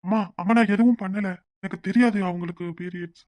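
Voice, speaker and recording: A man's voice: high-pitched, steady tone, fast talker, darkish tone, dry recording, natural voice. A man voicing a young cartoon husband, hot-tempered, brooding over his feelings and possessive. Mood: pleading.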